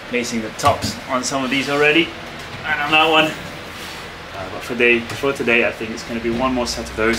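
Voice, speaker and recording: A boat restoration vlogger in his thirties, holding the camera at arm's length, explains his project in a relaxed way with plenty of small fillers. His medium-pitched voice sits in an ordinary middle register. He's in an open-sided wooden workshop, where a steady hum of machinery and air conditioning runs clearly under the audio.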